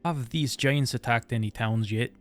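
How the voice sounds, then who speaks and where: A man's voice: medium pitch, moderate pace, soft background music. A man playing a tabletop role-playing game, speaking casually in character with a tentative, wavering character voice.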